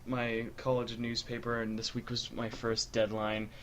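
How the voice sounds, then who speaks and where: A man's voice: mid-range voice, completely flat delivery, normal speed, a bit bright. Young male podcast host, playful and teasing, mid-range voice, faint hiss behind. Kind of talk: casual chat.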